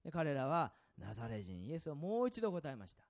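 A man preaching a sermon as a pastor, asking the congregation questions and swinging between loud and soft passages. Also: a little high, huge pitch swings, a little fast, dull audio.

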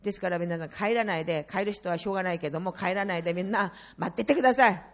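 A middle-aged woman preacher giving an impassioned sermon to a congregation, swinging between hushed and loud passages. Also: on the low side, racing. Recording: slightly dull lo-fi sound.

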